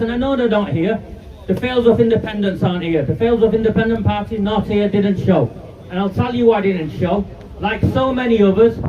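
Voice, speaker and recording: A man in his fifties giving an angry, defiant speech at an outdoor street protest, filmed from a distance. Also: sits high. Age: 50s. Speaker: rally speaker. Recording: distant, muffled live-stream audio with loud noise.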